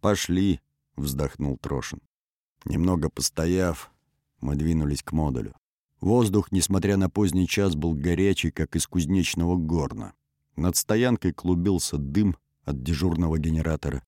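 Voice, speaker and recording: A man narrates an audiobook in the first person, his voice very low and deep. He keeps a steady, even pace, and the recording is dry and close with no room sound. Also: moderate pace, no echo.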